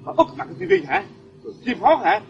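A man's voice: very high voice, big pitch swings, fast, gravelly, dull audio, faint music behind, full character voice. A man in a live comedy sketch playing a grumpy husband who mocks and nags his wife. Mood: complaining. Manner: nagging, mocking, argumentative.

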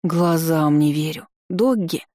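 A storyteller voicing a bossy, sharp-tongued female pet dragon who snaps and grumbles, in an audiobook reading. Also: mid-range voice, slow pace, no room sound, clean studio sound, close to an everyday voice. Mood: snappy. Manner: snappy, grumbling.

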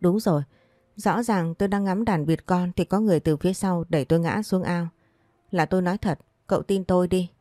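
A woman voicing a proud, sharp-tongued young wife who talks back tartly. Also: fairly low pitch, fairly quick, no echo, studio quality, natural voice. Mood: pleading. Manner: tart and defiant.

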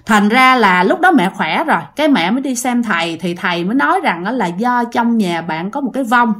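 A woman's voice: fairly high pitch, expressive, brisk, fairly bright tone. Chatty woman telling ghost stories. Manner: chatty, addresses listeners directly, many fillers. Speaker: ghost story teller. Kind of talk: casual spoken storytelling.

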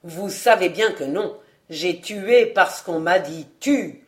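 A woman reading aloud, voicing an insolent male valet who speaks calmly and mockingly. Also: lowish voice. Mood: ironic. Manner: mocking, unhurried, calm.

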